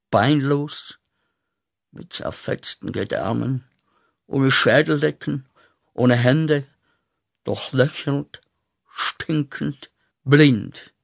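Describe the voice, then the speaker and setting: A man acting a guilt-ridden corporal back from the war, in a radio play, speaking with slow, intense, declaiming rhythm. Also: medium pitch, vocal fry, no echo, studio quality, heavily acted. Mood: haunted.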